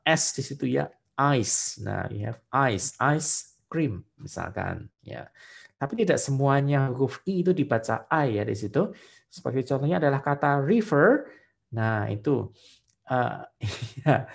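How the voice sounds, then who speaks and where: A man's voice: mid-range voice, vocal fry, a little mellow. A man teaching a live online English test-prep lesson, speaking patiently and mixing English and Indonesian phrases.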